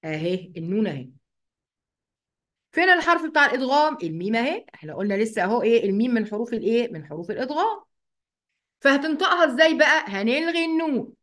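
A woman with an Egyptian accent teaching an online Quran recitation lesson. She explains each rule step by step, asks the class questions, and draws the recited words out slowly. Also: on the high side, lively intonation, a bit bright. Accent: Egyptian Arabic. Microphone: computer mic, writing with a mouse.

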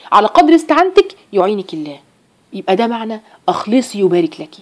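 A woman's voice: on the high side, dark tone. A middle-aged woman with an Egyptian Arabic accent, a Quran teacher giving an emphatic religious talk to women and repeating phrases for stress.

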